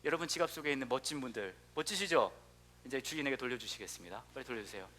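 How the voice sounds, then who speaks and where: A man in his thirties preaching a sermon, telling stories with lots of animation and then dropping to a soft, near-whispered tone for his earnest points. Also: medium pitch, very fast, a little hiss or hum. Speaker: pastor. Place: church sanctuary.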